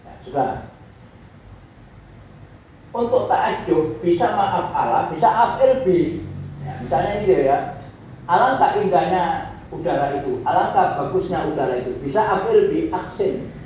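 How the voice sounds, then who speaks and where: A man lectures a class in a fairly high voice, working through Arabic phrases slowly and repeating them to show their rise and fall. He sounds far from the mic, in a very echoey room with a faint hiss underneath. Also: animated, a little mellow, dull audio. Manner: explains slowly, repeats Arabic phrases with rising and falling intonation. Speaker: teacher of Arabic grammar.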